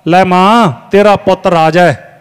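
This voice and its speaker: A man's voice: sits high, fairly even intonation, measured pace, clean tone. A man voicing a proud, mighty emperor who boasts to his mother, in a sermon story. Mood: boastful. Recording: long hall reverb, faint music.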